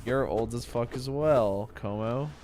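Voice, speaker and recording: A man's voice: mid-range voice, a little slow, over loud music. A man in his twenties chatting casually with his viewers while streaming a game, joking around and swearing often. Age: 20s. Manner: joking banter with chat, frequent swearing. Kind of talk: casual live gaming stream chat.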